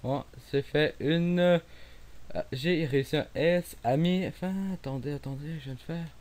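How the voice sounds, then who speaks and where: With a slightly high, darkish voice at a moderate pace, a young Québécois man from Quebec chats casually about his own gameplay. He rambles through many fillers and restarts and sometimes drops almost to a mumble; faint hiss sits under the recording.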